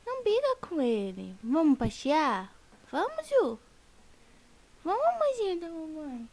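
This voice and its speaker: A young mother gently coaxing her baby awake in soft, sing-song baby talk. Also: extremely high pitch, wildly swooping pitch, a little slow. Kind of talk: home video baby talk.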